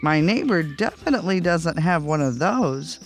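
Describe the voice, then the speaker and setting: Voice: mid-range voice, lively intonation, moderate pace, soft background music, natural voice. A narrator voicing a hot-tempered, grumbling male cartoon duck uncle in a children's storybook, exclamatory and indignant. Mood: puzzled.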